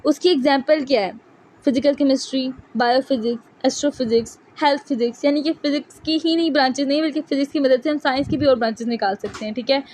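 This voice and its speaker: Woman teacher, high voice, asks and answers her own questions. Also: darkish tone. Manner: reads English textbook lines slowly. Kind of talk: physics lesson.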